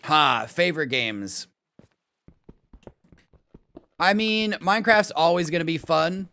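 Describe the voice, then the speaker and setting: A man live-streaming a game, chatting casually, reading out chat, thanking viewers for follows and subs, and breaking into excited laughter. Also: fairly high pitch, moderate pace, clear, resonant tone.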